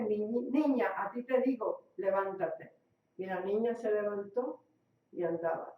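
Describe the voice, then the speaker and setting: A woman preaching a sermon for a radio program, speaking emphatically and repeating key phrases. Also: on the high side. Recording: echoey, distant, dull lo-fi recording.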